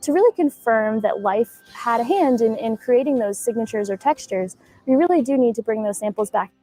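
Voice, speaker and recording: A woman who studies rocks on other planets, explaining her science clearly in a documentary interview. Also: a little high, lively intonation, normal speed, dark tone, soft background music. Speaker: planetary geologist.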